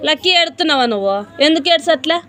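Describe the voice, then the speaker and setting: A high-pitched woman, scolding a child in a teasing way. She is a tuition teacher, and a crowd of children can be heard clearly in the room around her. Her voice carries over the noise. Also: expressive, racing.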